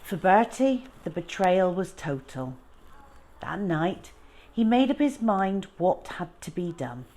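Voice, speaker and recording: A storytime host with a low voice reads a children's story aloud, shifting between casual chat and expressive narration.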